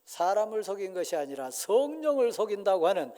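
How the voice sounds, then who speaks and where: A man preaching a sermon from the pulpit, his voice pitched fairly high. He surges into loud, forceful lines and then drops to hushed, near-whispered asides. Long church-hall reverb trails after every phrase. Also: sing-song, fairly quick. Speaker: pastor. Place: church sanctuary.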